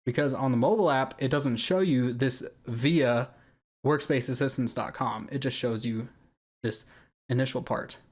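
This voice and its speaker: A man's voice: mid-range voice, normal speed. Man, casual explanatory commentary, conversational phrasing, video creator walkthrough. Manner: conversational, explanatory, often checking with "right?". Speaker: video creator walking through an account hack. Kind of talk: casual screen-recording commentary.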